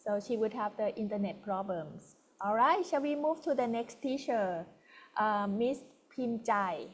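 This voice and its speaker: A woman's voice: medium pitch, lively intonation, a little slow, slight background noise. A woman with a Thai accent hosting introductions on a video call, switching politely between English and Thai. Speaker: online workshop moderator.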